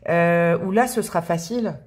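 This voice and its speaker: A woman's voice: on the low side, normal speed. A woman giving a casual, chatty tarot reading, often hesitating and repeating her words. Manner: chatty, hesitant, repeats words, laughs and hums song lines. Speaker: tarot reader.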